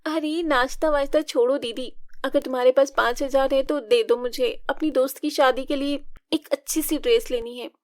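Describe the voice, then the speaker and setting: Female storyteller, high-ish, dry studio voice, expressive reading. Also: moderate pace, no room sound. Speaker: narrator voicing all women. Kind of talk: storybook narration with character voices.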